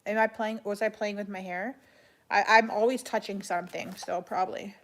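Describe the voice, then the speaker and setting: A woman chatting casually on a livestream as she answers viewers, speaking in a flat monotone with a creaky voice. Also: mid-range voice, moderate pace. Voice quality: creaky vocal fry. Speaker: live streamer answering chat.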